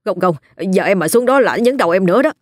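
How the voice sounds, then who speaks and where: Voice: mid-range voice, lively intonation, fast, no echo, clean studio sound, lightly acted. A storyteller voicing a young fisherman who stammers in panic after a ghost attack. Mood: terrified.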